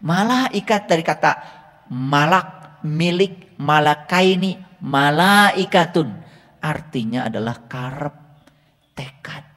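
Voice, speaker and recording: A man's voice: fairly high pitch, expressive, slow pace, long pauses, fairly bright tone, big-room sound. A man giving an Islamic sermon as a religious teacher, often asking his listeners rhetorical questions. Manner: asks the audience rhetorical questions.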